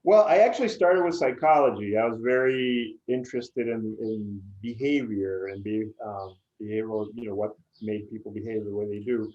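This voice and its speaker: A man from Puerto Rico, a native Spanish speaker, answering interview questions thoughtfully with many filler pauses. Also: lowish voice, a little mellow, muffled recording. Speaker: interview guest, PR agency CEO.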